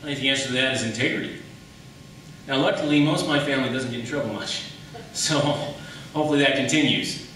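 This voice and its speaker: A candidate for county attorney delivers an emphatic debate speech in a bright, forceful mid-range voice, speaking quickly but with long pauses. He hammers his points with repetition and rhetorical questions in a large echoey room, captured by a distant mic with faint noise.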